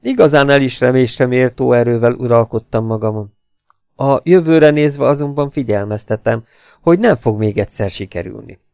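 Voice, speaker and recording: A man reading aloud, voicing a coolly menacing gangster who speaks with smooth, mocking courtesy. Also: mid-range voice, darkish tone, no room sound, studio quality, lightly acted. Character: mock-polite adult male gangster, cool and menacing.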